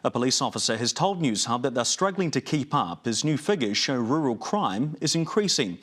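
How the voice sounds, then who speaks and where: Man, New Zealand accent, news presenter, animated intonation, scripted delivery. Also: medium pitch, normal speed.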